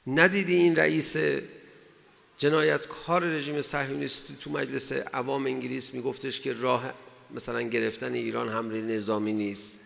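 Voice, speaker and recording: A man's voice: medium pitch, little pitch movement, vocal fry, fairly bright tone. A man giving a sermon in an emphatic way, asking his listeners rhetorical questions. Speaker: religious lecturer. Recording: long hall reverb.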